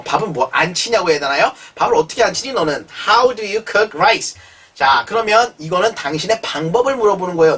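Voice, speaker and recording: An English teacher giving a chatty language lesson, reading example sentences slowly and clearly before translating them, with frequent prompts to the learner. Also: medium pitch, a bit bright. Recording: voice a little distant from the mic.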